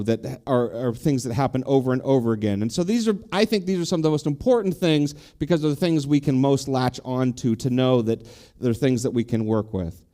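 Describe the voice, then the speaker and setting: A man's voice: medium pitch, mellow. A middle-aged man, a deacon, casually hosting a live-streamed panel discussion, talking conversationally with frequent ums and restarts.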